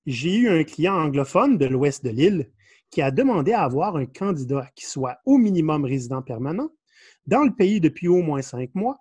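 A man's voice: a little high, very animated, normal speed, a little mellow, breathy edge, no room sound. A man in his thirties with a Québécois French accent, co-hosting a podcast and reading listener stories with wry asides. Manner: reads stories aloud, wry asides with chuckles. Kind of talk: casual podcast chat. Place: small room indoors.

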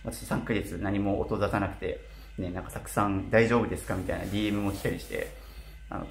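In a small bare apartment room, a Japanese vlogger in his twenties, from Kitakyushu, talks casually to a nearby camera. His fairly low voice comes out slightly slurred, as if he's wearing a mouthguard, and the recording has a roomy echo and faint noise.

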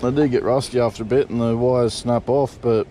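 A man's voice: mid-range voice, steady tone, a little fast, warm tone, a little hiss or hum. A middle-aged Australian man chatting casually while rigging fishing gear at the back of a parked vehicle, swearing in an easygoing way, recorded on a body camera. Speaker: fishing vlogger. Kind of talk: casual how-to chat. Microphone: point-of-view body camera.

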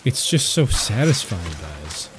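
A man's voice: slow, noisy background. A man hosting a gaming video, talking casually to himself and his viewers as he plays. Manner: chatty, talks to himself and the viewers while playing; gets loud and high when excited. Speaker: gaming channel host. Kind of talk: casual gameplay commentary. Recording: game music and rain sounds behind the voice.

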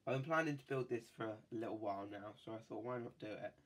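A low-ish, fast male voice belongs to a toy-building video host who has a cold. Sitting indoors at a desk assembling a toy set, he chats casually and rambles with lots of fillers.

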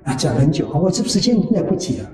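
Animated monk teaching in an echoey hall. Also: male voice, on the high side, crowd noise. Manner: animated, repeats phrases, often ends lines with drawn-out particles. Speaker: Buddhist monastic teacher. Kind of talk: conversational dharma talk with personal anecdotes. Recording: echoey hall, voice from far off the mic.

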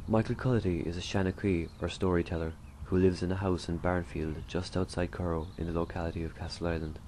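Male documentary narrator, deep voice, restrained intonation, scripted read. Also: little pitch movement, quick pace, slight background noise. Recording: loud music under the voice. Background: plucked guitar music.

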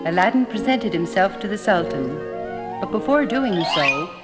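A woman narrating a fairy tale in a measured storytelling manner. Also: mid-range voice, sing-song, lightly acted. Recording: echoey hall, music behind.

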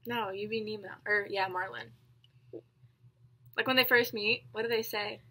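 A woman's voice: mid-range voice, steady tone, normal speed, bright, forceful tone. A young woman chatting casually indoors as a roommate guest, goofy and giggly. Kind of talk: casual chat. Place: indoor room.

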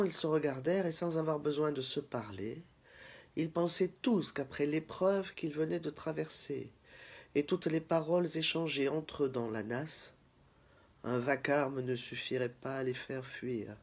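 Husky man reading a story aloud. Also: a little high. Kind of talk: storybook narration.

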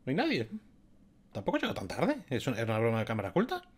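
Un hombre que pone la voz de una colegiala adolescente, atolondrada y fácil de alarmar, con exclamaciones agudas y chillonas. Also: male voice, wildly swooping pitch, fast talker, slightly rough. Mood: puzzled. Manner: shrill exclamations. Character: flustered teenage schoolgirl, earnest and easily alarmed.

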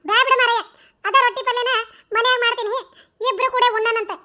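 A woman's voice: very high-pitched, fairly even intonation, fast, bright, forceful tone. A woman voicing a young cartoon wife with a North Karnataka accent, chatty and nagging. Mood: teasing. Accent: North Karnataka Kannada.

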